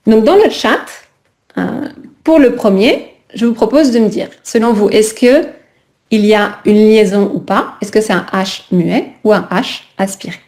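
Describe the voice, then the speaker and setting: A woman teaching a French class over a video call, pausing often to check that students follow. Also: mid-range voice, a little mellow. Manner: keeps checking in with "d'accord?".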